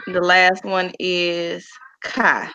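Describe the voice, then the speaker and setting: A student reading Hebrew words aloud, halting and hesitant. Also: medium pitch, little pitch movement, bright, forceful tone, clear, resonant tone, no room sound, lo-fi sound.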